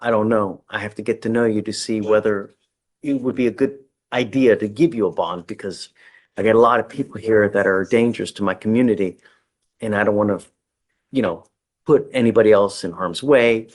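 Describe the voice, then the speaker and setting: A man's voice: lowish voice, a little fast. A male judge presiding over a hearing in a courtroom, plain-spoken and conversational, with a joking side.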